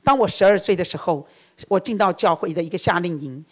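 A woman's voice: lowish voice, fast talker. A middle-aged woman, preaching a sermon. She tells her own story earnestly and acts out the prayers she quotes. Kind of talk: sermon with personal testimony.

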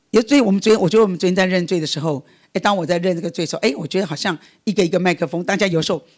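A man giving an earnest, conversational sermon, telling a personal story with many restarts and fillers. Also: high voice. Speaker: preacher.

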